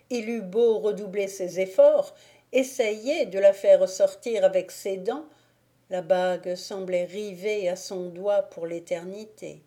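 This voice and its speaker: Slow mellow woman narrating an audiobook, calm and measured. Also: mid-range voice. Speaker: volunteer audiobook reader. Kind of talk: audiobook narration of a classic novel.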